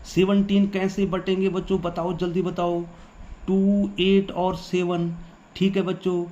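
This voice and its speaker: A man's voice: high-pitched, little pitch movement, measured pace, dark tone, lo-fi sound. A male science teacher, coaxing pupils through a lesson with constant questions. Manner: coaxing, quizzes the class with repeated questions. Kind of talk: chalk-and-talk lesson to school students. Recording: echoey room, faint background noise.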